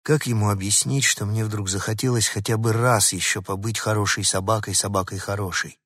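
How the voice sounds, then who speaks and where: A man narrating a storybook aloud in the first person, lively and expressive. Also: fairly low pitch, fairly quick, no room sound, clean studio sound. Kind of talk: audiobook storytelling as the dog.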